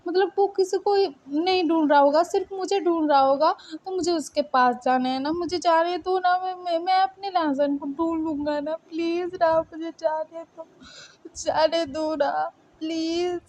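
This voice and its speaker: A woman's voice: sits high, moderate pace, darkish tone, lightly acted. A woman voicing a grief-stricken young man who pleads over and over, his tearful voice breaking as he begs to go find his lost love. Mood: pleading. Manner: desperate, pleading, repeating himself. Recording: dull lo-fi recording.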